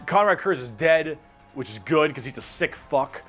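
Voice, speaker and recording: A man's voice: fairly high pitch, animated, normal speed, music in the background. A man streaming, casually explaining game lore in a loose, profane way and reading chat messages aloud.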